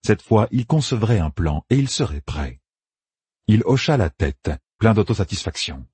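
A man reading a fantasy audiobook as narrator with an expressive delivery. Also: on the low side, moderate pace, husky, dry recording. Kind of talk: scripted narration.

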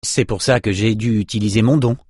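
A man reading an audiobook, voicing a calm, self-assured male hero who explains things in a matter-of-fact, wry way. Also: on the low side, brisk, slightly rough, no echo, studio quality.

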